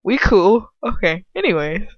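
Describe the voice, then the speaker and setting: An amateur fan fiction commentator, this woman rambles bluntly about a story, exasperated and sarcastic, cursing freely. Her medium-pitched voice is animated but a little slow, and the dry, dull lo-fi home recording adds nothing.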